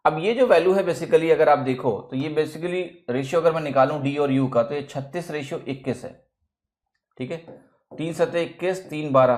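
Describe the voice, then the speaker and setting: An Indian man with a slightly raised pitch, teaching math in a lecture. He walks through each step and keeps asking his students whether they follow. English phrases slip into his explanations. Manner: explains step by step, asks students checking questions; mixes English phrases into Hindi. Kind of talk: classroom lecture.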